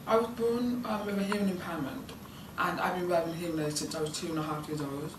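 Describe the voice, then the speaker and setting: Heard through a distant mic in an echoey room with background noise, a young woman talks fast in a fairly low, steady voice. She's a nineteen-year-old British student intern whose first language is British Sign Language, giving rambling, hesitant interview answers packed with ums and likes.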